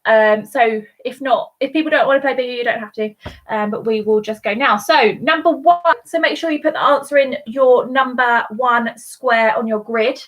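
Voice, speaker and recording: A woman hosting a live online quiz from home, chatting casually and spelling out words slowly letter by letter. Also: a little high, fairly bright tone. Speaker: quiz host. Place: at home alone.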